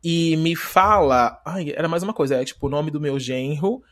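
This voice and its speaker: A man's voice: fairly high pitch, normal speed, very noisy. A young Brazilian man co-hosting a podcast, telling a funny story in slangy casual chat and often breaking into laughs. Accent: Brazilian Portuguese. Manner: laughing storyteller, slangy, quotes his mother. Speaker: podcast co-host.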